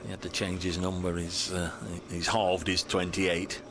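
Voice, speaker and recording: Male cricket commentator, lowish voice, chatty and statistical, with clear ambient noise behind him. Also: level tone, normal speed.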